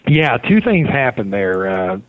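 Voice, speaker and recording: A man's voice: mid-range voice, very animated, unhurried. A man telling his business story earnestly in a casual interview, heard over a call line. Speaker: podcast guest, mortgage marketer. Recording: tinny phone-line audio.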